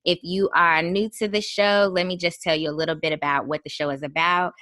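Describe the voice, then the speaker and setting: A woman in her thirties hosting a casual podcast chat, relaxed and chatty with frequent ums. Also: on the low side, a little fast, dry recording. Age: 30s. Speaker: podcast host.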